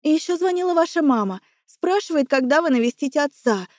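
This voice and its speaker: A woman voicing a kind, caring female assistant with a gentle, apologetic way of speaking, in an audiobook. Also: high voice, expressive, fairly quick, no room sound, studio quality, pitched above the performer's own voice. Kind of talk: audiobook character voice.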